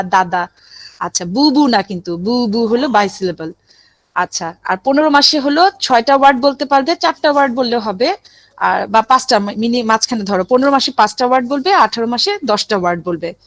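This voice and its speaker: A middle-aged woman lectures a class of medical students. Her voice sits a little high, and she explains step by step, often stopping to check that her students follow. The sound is close and dry, with no room echo. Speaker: medical teacher.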